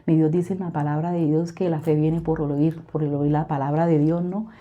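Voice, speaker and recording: A woman's voice: low-pitched, flat delivery, moderate pace, phone-quality sound. A woman giving a fervent religious testimony to a congregation, repeating herself often and calling her listeners brothers.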